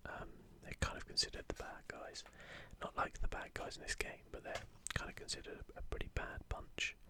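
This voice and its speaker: The host of the video comments on an art book while turning its pages, speaking only in a soft, breathy ASMR whisper. Her delivery is unhurried, hushed, and casual.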